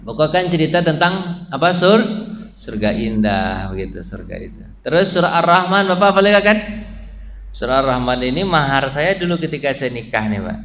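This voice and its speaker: Joking preacher chanting and bantering. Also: male voice, a little high, a little fast, a bit bright, slight background noise. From Indonesia. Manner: joking banter with the congregation, breaking into chanted Quran recitation. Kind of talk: mosque study-circle teaching. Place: mosque.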